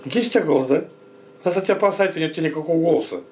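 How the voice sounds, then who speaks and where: A man's voice: fairly high pitch, racing, slight background noise. A man chatting casually and bluntly, with slang and swearing. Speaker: village resident being interviewed. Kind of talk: casual chat.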